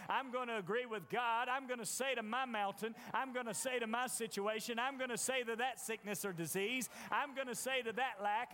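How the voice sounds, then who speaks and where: A man's voice: extremely high pitch, pushed and bright, in a large hall. A man preaching a sermon in a folksy, storytelling way, acting out the voices of doubters.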